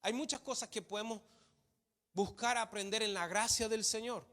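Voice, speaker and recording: A man's voice: high voice, steady tone, normal speed, a bit bright. A man preaching a sermon in a church hall, emphatic, repeating phrases for stress. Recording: long hall reverb.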